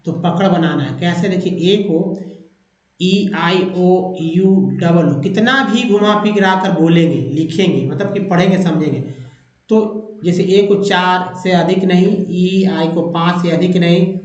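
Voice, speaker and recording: A man gives an English pronunciation lesson, breaking words into their vowel sounds and repeating each one slowly. His voice sits fairly high. The recording rings with room echo and sounds a little dull. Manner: explains step by step, repeats sounds slowly, addresses viewers as friends. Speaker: English teacher.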